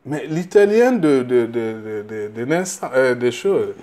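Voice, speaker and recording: A middle-aged Burkinabé man running for office responds to an interviewer's questions, speaking slowly and haltingly and repeating little words as he hunts for the next one. His mid-range voice is warm, swings widely in pitch, and turns emphatic on his main points.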